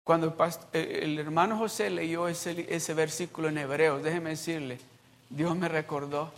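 A preacher delivering a sermon, asking the congregation questions, repeating phrases for emphasis and swinging between loud and hushed passages. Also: medium pitch, steady tone, moderate pace.

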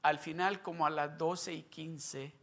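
Bright-voiced male pastor preaching. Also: on the high side, fairly even intonation, measured pace, vocal fry. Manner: storytelling, acting out remembered dialogue; conversational, with restarts and asides to the congregation. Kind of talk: sermon with a personal story.

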